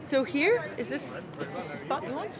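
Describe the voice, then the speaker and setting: A woman's voice: sits high, huge pitch swings, normal speed. A woman musician chatting casually outdoors, repeating words as she thinks aloud in a hesitant way. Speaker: harp teacher and musician. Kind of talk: casual chat. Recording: outdoors with crowd chatter behind.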